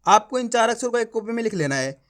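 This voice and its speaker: A man's voice: very high-pitched, lively intonation, quick pace, a bit bright. Male online reading teacher; sounds out words syllable by syllable, encouraging tone toward viewers. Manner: sounds out words syllable by syllable, then blends them; addresses viewers as friends, coaxing and encouraging.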